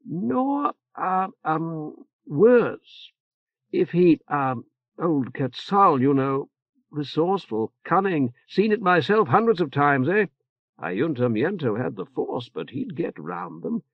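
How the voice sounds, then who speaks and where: In this audiobook, a man heavily acts the part of a nervous older churchman, raising his voice above its natural pitch to something a little high with big pitch swings. The character fumbles, stammers and hedges, tagging lines with "eh?" and filling gaps with "uh." The recording is dry but dull and muffled.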